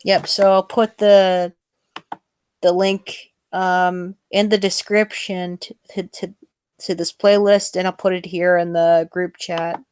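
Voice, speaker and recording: A woman hosting a casual podcast chat, talking with many pauses, fillers and restarts. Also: lowish voice, little pitch movement, a little mellow, smooth, no room sound. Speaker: podcast host.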